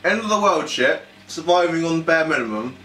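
A man with a bright, forceful voice that swings up and down as he jokes through a food taste-test. He talks bluntly and swears freely. He sounds a little off from the mic in an echoey room with faint noise behind. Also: on the high side, lively intonation, moderate pace, recorded from a distance. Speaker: food review co-host. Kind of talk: casual taste-test banter.

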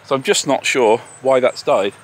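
A man with an English accent and a medium-pitched voice, speaking at a moderate pace, walks and talks through his homestead's garden and orchard, chatty and self-deprecating. Slight background noise and faraway tractors and farm vehicles can be heard.

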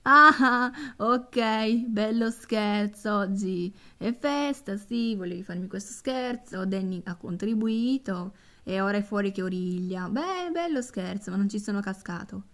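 A woman's voice: mid-range voice, measured pace, hardly any pauses, natural voice. Young boyfriend guy, jokey and doubtful, woman doing the voice. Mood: disbelieving. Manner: disbelieving, joking. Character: young man, loyal and cocky boyfriend.

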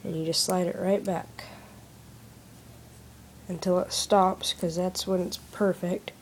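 A woman's voice: lowish voice, level tone, takes it slowly, slight background noise. A woman giving a casual step-by-step how-to explanation at a desk in a small room, recorded on a handheld phone. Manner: plain, step-by-step instructive talk. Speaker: craft demonstrator.

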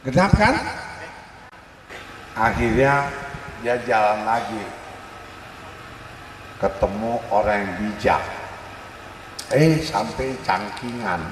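Preacher guy at a village event, slow drawn out talk, big echo, recorded from far back. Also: fairly low pitch, noisy background. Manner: storytelling, quizzing the audience with questions. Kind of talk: religious talk at a village gathering. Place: village gathering. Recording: echoey hall sound from far off.

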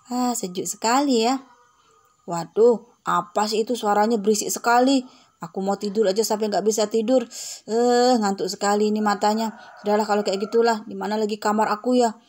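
A woman's voice: mid-range voice, fairly even intonation, brisk, darkish tone, natural voice. A woman voicing a drowsy adult in a game role-play who mutters and grumbles about noise. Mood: sleepy.

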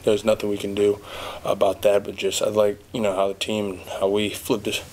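A young man, a college basketball player, giving measured, steady answers at a postgame press conference, seated at a table mic. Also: lowish voice, a little hiss or hum. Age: young adult. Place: press conference room in front of a backdrop.

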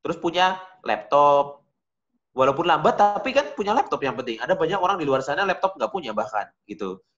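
A man's voice: on the high side, very animated, a little fast, fairly bright tone. Casual male art teacher, dull audio. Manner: casual, direct, repeats points to students. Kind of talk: online digital painting class.

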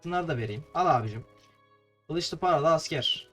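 A man's voice: a little high, expressive, moderate pace, a bit bright. A young man from Turkey giving playful, chatty gameplay commentary to his viewers, a little tongue-tied. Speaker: gameplay streamer. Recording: faint game music behind.

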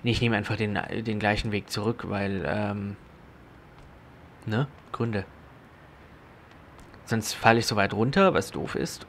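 A young man giving casual, rambling commentary as he plays a video game, talking to himself and breaking into sudden loud exclamations. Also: lowish voice, fairly even intonation, a little slow, long pauses, a little hiss or hum. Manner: chatty self-talk with sudden loud exclamations. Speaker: let's play host.

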